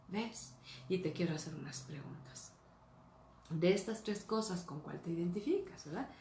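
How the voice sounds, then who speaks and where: A woman's voice: lowish voice, mellow, slight background noise. A woman pastor gives an earnest teaching sermon, often checking in with her listeners. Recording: roomy echo, faint ambience.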